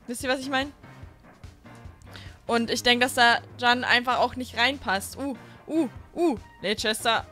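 A woman's voice: a little high, measured pace, bright, forceful tone, faint music behind. A female game streamer ranting in exasperation to her viewers. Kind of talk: casual live stream rant.

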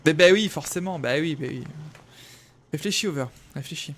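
A man's voice: on the high side, normal speed, fairly bright tone, a little hiss or hum. A young man casually commenting on his game live, thinking aloud and answering viewers in chat. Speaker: streamer.

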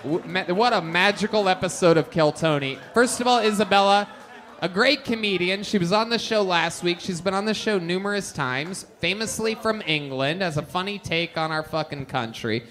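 A man hosting a live comedy show, loud and teasing, often shouting and laughing into a handheld mic on a club stage. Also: sits high, normal speed.

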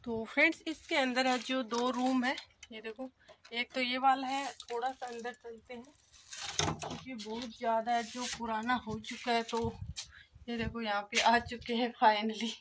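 A young woman walks through an old empty brick house, indoors and out, filming on a phone at arm's length. Her voice is a little high with little pitch movement and a measured pace, chatty and full of filler as she treats viewers like friends. The background is noisy.

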